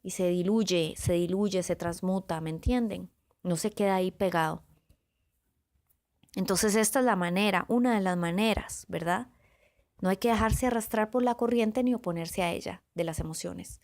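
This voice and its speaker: A woman motivational speaker giving a calm, reflective podcast talk, listing words one by one with pauses and often checking in with her listeners. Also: mid-range voice. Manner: often checks in with the listener with a soft question tag. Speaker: motivational speaker on self-awareness.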